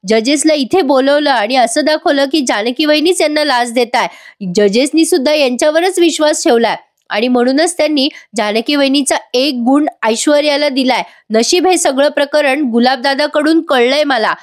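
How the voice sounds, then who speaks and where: A woman's voice: high-pitched, moderate pace, voice pushed up, close to an everyday voice. A woman voicing an upset young wife urgently complaining to her mother-in-law.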